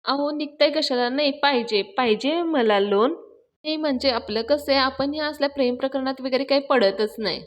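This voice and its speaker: A woman's voice: high-pitched, normal speed, pitched above the performer's own voice, lightly acted. Woman doing a touchy young village mechanic. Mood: pleading. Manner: rustic, indignant and pleading. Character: touchy young male garage mechanic, blunt. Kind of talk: acted quotes in a serial recap.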